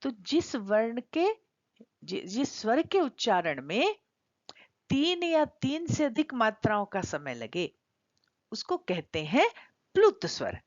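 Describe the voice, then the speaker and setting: This middle-aged woman speaks on the higher side, her pitch swooping wildly as she takes her time walking through Sanskrit grammar in a video lesson. She draws out vowels to demonstrate their length, and the lo-fi audio is dry, echo-free and a bit dull.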